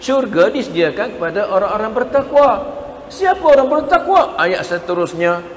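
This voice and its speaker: A Malaysian man preaching a dawn lecture in a prayer hall, animated and repetitive, chanting Arabic verses now and then. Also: high-pitched, moderate pace, slight background noise. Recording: echoey hall with reverb.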